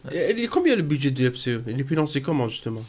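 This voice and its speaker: A man's voice: mid-range voice, big pitch swings, very fast, a little mellow. A male interviewer asking brief questions that prompt his guest in a debate.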